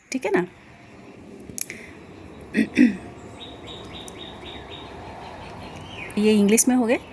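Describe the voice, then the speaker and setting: A woman's voice: medium pitch, a little hiss or hum. A woman teacher explaining grammar notes in a lecture, with many fillers and checks on understanding. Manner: explains each example, asks "ठीक है ना" often, many fillers. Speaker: Hindi teacher.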